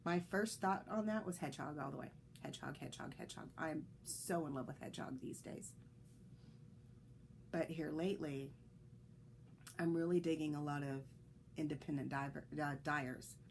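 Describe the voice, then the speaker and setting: A woman hosts a knitting podcast as a casual solo chat, rambling with fillers and restarts while sounding slightly congested and coughing now and then. Her low, creaky voice moves at a moderate pace over a little hiss or hum.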